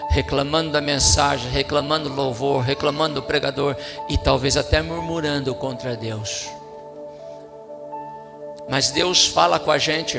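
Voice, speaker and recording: A man preaching a sermon in a church with a Brazilian Portuguese accent, impassioned and at times shouting. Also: medium pitch, creaky. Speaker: pastor. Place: church hall. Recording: church hall reverb with soft music.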